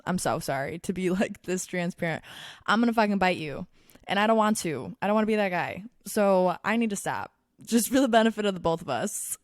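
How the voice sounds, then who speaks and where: A young woman hosts her podcast alone, talking frankly, swearing freely and laughing at her own jokes. Her voice sits a little low for a woman. The sound is dry and close, with no room echo. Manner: candid, crude and giggly, swears constantly. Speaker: podcast host. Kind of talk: casual solo podcast monologue.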